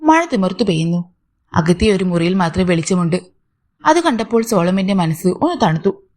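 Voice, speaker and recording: A woman's voice: on the low side, very animated, moderate pace, a little mellow. A woman narrating a story, reading all the characters' lines in her own voice.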